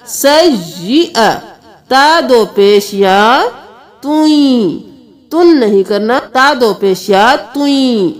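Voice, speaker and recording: Slow, high-voiced woman teaching recitation. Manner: slow, patient spelling of letters, breaking into melodic chanting for verses. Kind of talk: step-by-step tajweed lesson with chanted recitation.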